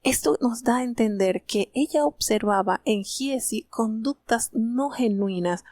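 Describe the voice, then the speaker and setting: A woman's voice: on the high side, a little slow, darkish tone, no echo, studio quality. A woman giving live Bible reading commentary, retelling the story and briefly speaking each character's lines, with explanatory asides and small hesitations.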